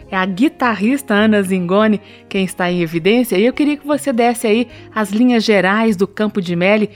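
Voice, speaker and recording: Polished woman radio host. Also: medium pitch. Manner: polished, scripted introductions. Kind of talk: radio interview.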